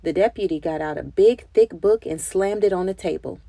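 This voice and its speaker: Reading from a children's book, this woman speaks expressively and deliberately in a relaxed, dark voice that sits on the low side and has a creaky edge. The close, dry recording carries no echo.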